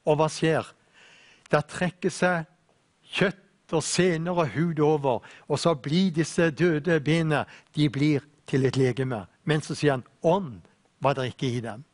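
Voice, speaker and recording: A man preaching a sermon, earnestly quoting scripture with slow, weighty emphasis. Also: on the high side.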